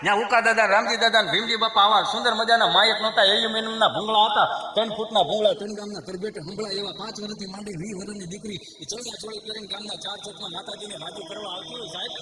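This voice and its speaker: A man spins jokey village tales on stage, slipping into quick acted asides. His voice is fairly high and he talks fast. A stage mic carries it through a big echoey hall with a long tail, music playing behind. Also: little pitch movement, heavy background noise. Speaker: folk stage comedian. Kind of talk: folk stage storytelling comedy.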